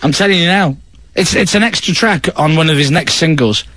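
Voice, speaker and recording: A man's voice: a little high, a little fast, a bit bright, a little hiss or hum. A man hosting a radio show, chatting and joking with his guest. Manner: jokey, teasing banter. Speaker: radio host. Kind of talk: casual radio chat. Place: radio studio.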